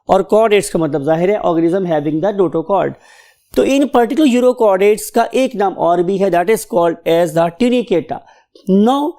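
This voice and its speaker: A woman biology teacher with a Pakistani accent, lecturing students at a slow, unhurried pace. Her voice is mellow and dark. She asks rhetorical questions and has the class say terms along with her, syllable by syllable. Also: medium pitch. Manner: mixes Hindi-Urdu and English, drills pronunciation syllable by syllable.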